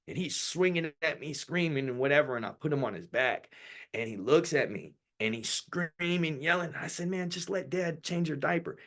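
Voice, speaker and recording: A man's voice: medium pitch, a bit bright. A man in his thirties giving a workshop talk, telling his personal story candidly and loosely, with many fillers and restarts. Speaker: workshop speaker.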